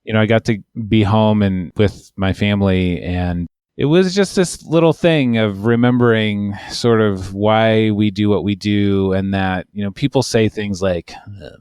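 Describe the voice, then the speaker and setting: Guy with a lowish voice rambling thru a wry story on a podcast, dry close mic. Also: unhurried, few pauses, darkish tone, smooth, no echo. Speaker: immigration lawyer. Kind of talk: casual podcast chat.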